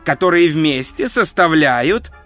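A man's voice: fairly high pitch, lively intonation, measured pace, fairly bright tone, soft background music, voice pushed up. A man voicing a stern, impatient wizard in an audiobook, lecturing and imperious. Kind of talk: audiobook character voice.

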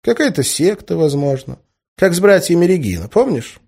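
Give me a calm, practical wife as a man reads her, husky and soft. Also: a little high, moderate pace, pitched above the performer's own voice, full character voice. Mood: reassuring. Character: calm, worried adult woman, the narrator's wife.

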